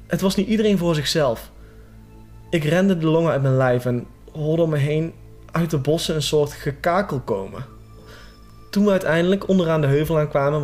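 A man reading a horror story aloud as a scripted narration, in a steady, suspenseful way. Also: a little high.

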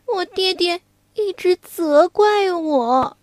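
A woman voicing a trickster posing as a young bride, speaking in a soft, coy, whiny pout. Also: very high-pitched, expressive, slow pace, dry recording, pitched above the performer's own voice, full character voice.

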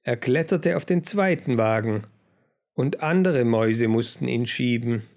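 A man reading a children's book aloud in a measured storytelling manner. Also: mid-range voice, lively intonation, vocal fry, darkish tone. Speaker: narrator. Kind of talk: audiobook narration.

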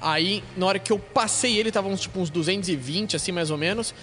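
High, fast-talking Brazilian man telling a story. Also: faint music behind. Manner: animated, profane, quick-talking; acts out other people's lines. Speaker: podcast guest. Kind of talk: casual storytelling.

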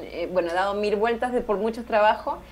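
A woman's voice: medium pitch, a little fast, low-quality recording. A woman from Ecuador, hosting a casual, playful interview. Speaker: interviewer, host.

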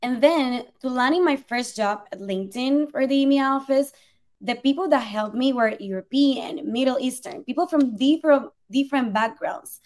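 A young Puerto Rican woman, a native Spanish speaker with a Puerto Rican accent, earnestly tells her story as an interview guest. Her voice is high-pitched and darkish, at a moderate pace.

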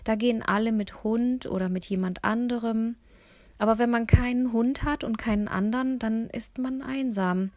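Woman putting on a frail muddled old lady, high gentle voice, wistful, storybook character, dry close sound. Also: steady tone, moderate pace, no room sound, natural voice. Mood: sad.

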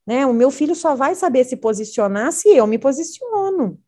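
A woman's voice: high voice, expressive, normal speed, a little mellow. A middle-aged woman with a Brazilian Portuguese accent, a parent educator talking earnestly and with animation in a conversational interview.

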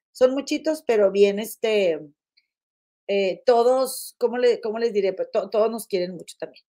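Chatty woman hosting a live stream. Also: on the high side. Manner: chatty, affectionate, uses many diminutives and "comadre"; frequent fillers and restarts, animated swings in loudness. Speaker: live-stream podcast host. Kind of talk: casual live chat reading viewer comments.

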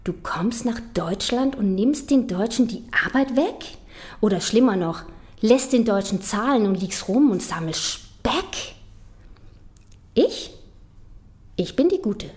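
A woman's voice: mid-range voice, a little slow, a little mellow. A woman with a Danish accent performing rhyming slam poetry, ironic and mocking, slipping into whispers for secret lines. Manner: rhythmic rhyming delivery with ironic, mocking emphasis. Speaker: spoken-word poet.

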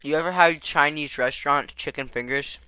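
Bright-voiced young man hosting by headset. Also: fairly high pitch, brisk, slight background noise. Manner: playful, teasing, prompting his friend. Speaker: podcast host. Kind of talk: casual chat on a call.

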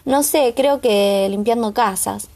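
A woman reading the part of a quiet, soft-spoken teenage girl, blunt in her answers, with a Rioplatense Spanish accent. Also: fairly high pitch, takes it slowly. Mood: flat.

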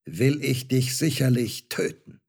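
A man's voice: mid-range voice, unhurried, a little mellow, breathy edge, pitched above the performer's own voice. A man doing a cruel, threatening sorcerer.

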